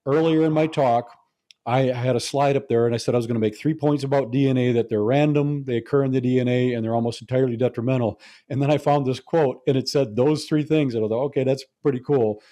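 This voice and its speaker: A man's voice: mid-range voice, dark tone. A man giving a lecture to an audience, explaining his points in a conversational, humorous way. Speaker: speaker.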